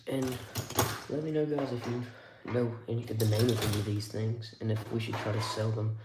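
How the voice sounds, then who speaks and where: A man's voice: on the low side, little pitch movement, brisk, echoey room, heavy background noise. A man streaming live, giving casual, rambling commentary with wry remarks as he handles tools.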